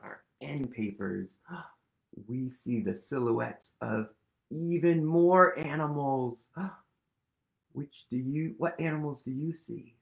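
A man in his thirties sits on his living room sofa before a webcam, reading a picture book to young children. His medium-pitched, gravelly voice takes things slowly, playful and sing-song, sometimes sinking into a whisper.

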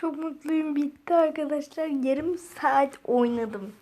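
Woman, young, high voice, casual gameplay commentary, easily frustrated, talks to herself. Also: slow pace. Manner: frustrated, muttering to herself to calm down. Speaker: gameplay video creator.

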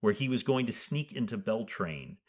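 A man narrating a tabletop game as game master, improvising in halting, deliberate phrases. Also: on the low side, lively intonation.

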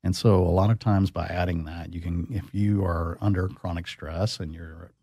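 A man's voice: sits low, steady tone, normal speed, gravelly, dark tone, husky, dry recording, dull audio. A man, a doctor as guest expert, explaining in a teacherly way and quizzing the host with questions. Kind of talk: explanatory interview.

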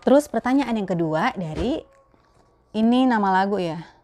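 A young adult woman from Jakarta with a Betawi accent chats casually and colloquially to camera, answering viewer questions in a vlog. Her mid-range voice is expressive and a bit dark in tone, at normal speed, recorded on a clip-on lapel mic.

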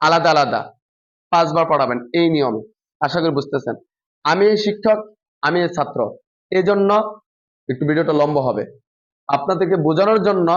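High-voiced man teaching reading aloud. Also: dull audio. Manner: slow drawn-out spelling demonstrations with quieter low asides. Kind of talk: spoken classroom lesson demonstration.

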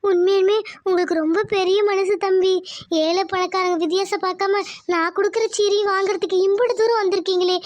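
A woman's voice: extremely high pitch, fairly even intonation, a little fast, dry recording. A woman voicing an anxious, tender village mother in a cartoon. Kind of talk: cartoon voice acting.

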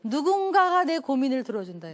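A woman's voice: high-pitched, very animated, fairly quick. A middle-aged woman professor giving a parenting lecture, telling anecdotes animatedly, acting out quoted voices and laughing often. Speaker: professor teaching a parenting class.

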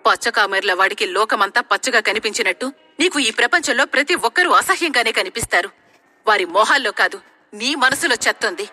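A woman's voice: fairly high pitch, fairly even intonation, a little fast, sharp tone, soft background music. A woman voicing a devout village priest scolding his daughter in a stern, admonishing way.

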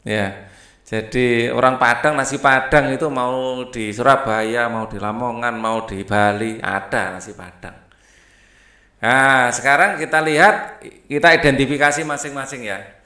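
Guy explaining a schoolbook to kids, chatty asides, bright voice, roomy echo. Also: mid-range voice, steady tone, a little slow. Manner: chatty, asides and fillers while reading aloud. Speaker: teacher. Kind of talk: explaining a primary school textbook. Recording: echoey room.

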